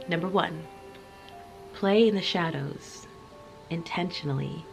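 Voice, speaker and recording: Speaking slowly in a lowish voice over music, a channel host chats playfully and cozily to camera, now and then slipping into a spooky whisper. She's coming down sick, so her voice sounds a little off, and the audio quality is poor.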